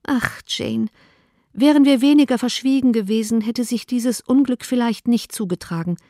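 A woman voicing a sharp, spirited young heroine. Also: on the high side, moderate pace, dry recording, clean studio sound, voice pushed up, close to an everyday voice. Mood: anxious. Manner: indignant, emphatic outbursts. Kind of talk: audiobook reading.

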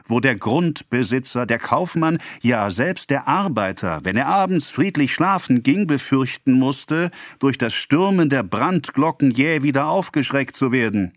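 A man voicing a pompous male government official, declaiming a speech slowly and loudly in an audiobook reading. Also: mid-range voice, expressive, no room sound, studio quality, pitched above the performer's own voice, close to an everyday voice. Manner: declaiming, slow and loud.

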